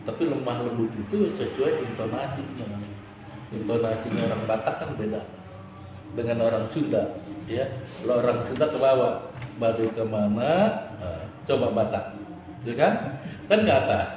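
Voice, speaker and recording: A man preacher giving a religious study lecture, playful and lively, sometimes acting out quarrelsome vendors. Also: mid-range voice, moderate pace, noisy background. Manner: lively rising and falling intonation. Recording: very echoey hall.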